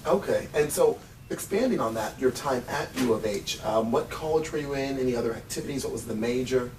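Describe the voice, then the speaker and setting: A man's voice: medium pitch, lively intonation, fairly quick, darkish tone. A man asks short, polite interview questions. He is heard from far off the mic, with room echo and noise behind him. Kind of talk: oral history interview. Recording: distant, echoey, noisy room.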